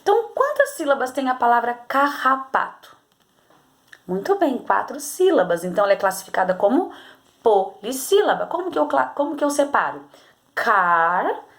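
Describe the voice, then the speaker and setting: Patient Brazilian woman teacher, lively pitch. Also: fairly quick. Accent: Brazilian Portuguese. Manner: patient, explaining step by step, often checking with "tá?". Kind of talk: recorded remote class lesson.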